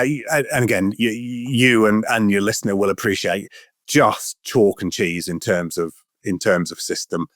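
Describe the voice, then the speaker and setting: A man's voice: fairly low pitch, fairly bright tone, no room sound, studio quality. A middle-aged man from Wales, a veterinary professor talking in a casual podcast interview, earnest and often repeating words as he thinks.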